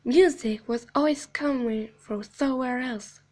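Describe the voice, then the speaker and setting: In a wistful, eerie video game monologue, a woman who acts as an amateur voices an animatronic clown girl with a high, girlish pitch. She tells her tale slowly and deliberately in a hush, sometimes whispering, sounding sweet but with a sinister edge, as though confiding a secret.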